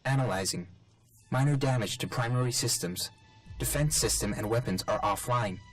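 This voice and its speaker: A broken-down male combat robot, played by a man, rattles off clipped, flat status reports in a mid-range voice. Its faulty systems make it stall and repeat itself on errors. A video game character at its most mechanical. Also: medium pitch, moderate pace, faint music behind, close to an everyday voice. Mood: reporting. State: malfunctioning, stuttering on errors. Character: damaged male combat robot unit, malfunctioning.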